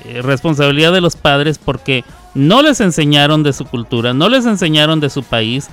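A man's voice: fairly high pitch, big pitch swings, moderate pace, a bit bright, clear, resonant tone, faint music behind. Chatty radio host man. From Mexico. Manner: chatty, joking, reads listener messages aloud. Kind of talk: casual radio talk.

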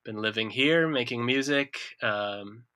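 A man, chatting casually as a musician guest in an interview, relaxed and self-deprecating. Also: mid-range voice, unhurried, no echo. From Israel.

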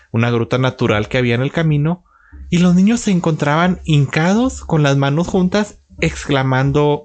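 A man telling a religious story in an unscripted way, pausing often with filler sounds as he goes. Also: fairly high pitch.

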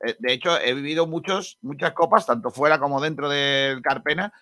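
A chatty male host with a bright, fairly high voice, joking as he reads out viewer messages in a dry studio. He sounds lively and informal, talking sports with his co-hosts. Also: brisk, no room sound. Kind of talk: casual sports talk, reading live chat.

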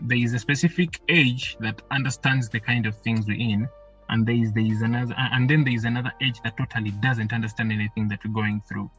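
A man's voice: mid-range voice, fairly bright tone, breathy edge, lo-fi sound. A man hosting a podcast, chatting casually and rambling as he repeats himself. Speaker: podcast host. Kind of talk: casual interview.

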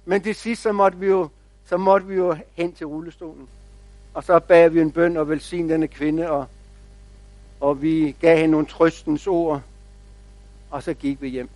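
A man pastor preaching a sermon, telling stories in a measured, reflective way with quiet pauses. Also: fairly high pitch, fairly even intonation, no echo.

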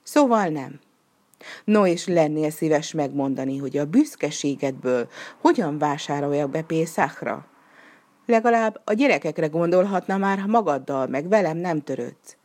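A woman's voice: sits low, animated, a little mellow. A woman voicing a poor, worried wife who speaks sharply and with reproach in a storybook reading. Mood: bitter.

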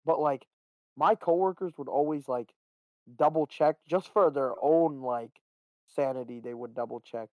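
A young man co-hosts a casual podcast and bluntly mocks his friends, peppering his talk with "bro" and "like". His voice sits in a middle pitch. It is recorded close and dry, with no room sound. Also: normal speed, dry recording, dull audio. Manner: blunt, mocking, says "bro" and "like". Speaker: podcast co-host.

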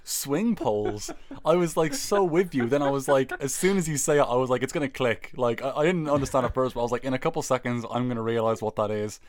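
A man in casual chat who teases and questions his friend with a quick, incredulous manner. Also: mid-range voice. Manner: teasing, incredulous, quick to laugh.

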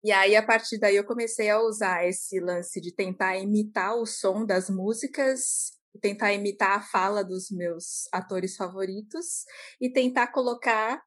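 A woman's voice: medium pitch, a little slow, fairly bright tone. A woman co-hosting a podcast in casual chat, telling stories animatedly and laughing often.

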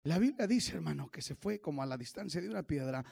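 A male pastor preaching a sermon, moving from loud sung praise to quiet storytelling and joking asides to the congregation. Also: animated, fast, creaky, husky. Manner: swings from shouted sung praise to low storytelling. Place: church.

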